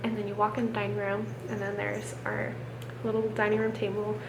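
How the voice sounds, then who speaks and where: A woman's voice: mid-range voice, monotone, brisk, gravelly. A young American woman chatting casually to camera, rambling and self-deprecating, sick with a swollen sore throat and keeping her voice down, sometimes to a whisper. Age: young adult. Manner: hushed, keeping quiet, at times dropping to a whisper. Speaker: vlogger. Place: room at home. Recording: roomy, noisy home camera recording.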